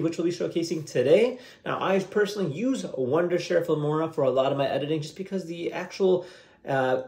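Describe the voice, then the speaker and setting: A young adult man with a higher, somewhat dark voice hosts a software tutorial channel. He gives a casual screen-share tutorial with review in a roomy, echoey indoor space.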